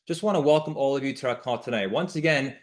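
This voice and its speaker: A man's voice: medium pitch, fast talker. A man hosting an online team call, giving a promotional, motivational introduction with repeated emphasis. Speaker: host introducing a guest leader.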